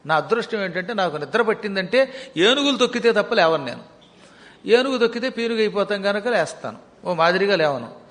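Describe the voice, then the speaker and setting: Male devotional storyteller, high-pitched, dramatic with humorous asides, recorded in a reverberant hall. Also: very animated, fairly bright tone. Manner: dramatic, slows down for vivid descriptions, joking asides. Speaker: religious storyteller.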